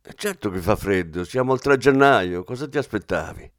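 A man's voice: lowish voice, animated, moderate pace, no room sound, close to an everyday voice. A man playing a dry ironic police chief. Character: middle-aged male police commissioner, dry and ironic. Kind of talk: audiobook character voice.

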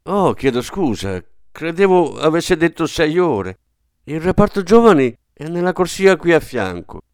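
A man's voice: fairly high pitch, sing-song, measured pace, clear, resonant tone, no room sound, clean studio sound, pitched above the performer's own voice. Man voicing a stammering, startled shop clerk. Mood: apologetic. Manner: polite, stammering, surprised.

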